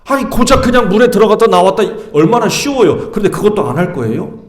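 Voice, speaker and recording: A man's voice: high voice, sing-song, fast talker, roomy sound, pitched above the performer's own voice. A man voicing an earnest male servant who pleads and reasons with his master. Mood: pleading.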